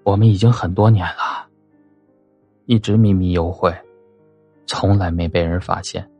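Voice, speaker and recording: A man voicing a cornered male doctor with a husky voice, bitter and desperate in an audio drama. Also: medium pitch, big pitch swings, measured pace, no room sound, faint music behind. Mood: calm. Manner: rising into desperate shouts.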